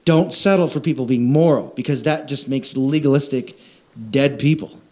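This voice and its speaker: Animated male pastor preaching. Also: moderate pace. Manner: animated, repeats words and restarts, shifts pitch for emphasis. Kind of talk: conversational sermon.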